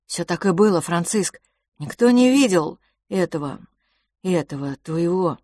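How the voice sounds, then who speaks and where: A calm, cool-headed boy speaks quietly and measuredly, as a woman voices him in an audiobook. He sounds skeptical and composed, kept low and soft. The recording is dry and close. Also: measured pace, dry recording. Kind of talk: audiobook character voice.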